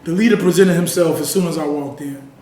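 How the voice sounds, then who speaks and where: A man's voice: on the high side, fairly quick, warm tone, slight background noise. A man giving a sit-down interview, telling a personal story in an earnest, conversational way and often saying "you know.". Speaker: interview guest. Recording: roomy sound from a distant mic with faint ambience.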